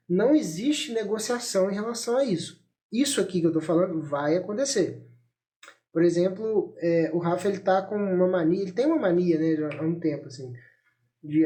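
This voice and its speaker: A man in his thirties hosting a parenting podcast, talking calmly and reflectively in a loose conversational way, with frequent fillers and restarts, recorded on a phone. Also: high voice. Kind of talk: reflective solo podcast talk. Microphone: phone held up while talking.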